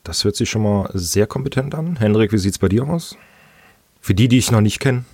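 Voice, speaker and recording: A man hosts a podcast in a casual, chatty way. His voice is on the low side and slightly stuffed up with a snotty nose, recorded close and dry. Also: lively intonation, normal speed, a little mellow, husky, no room sound. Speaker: podcast host.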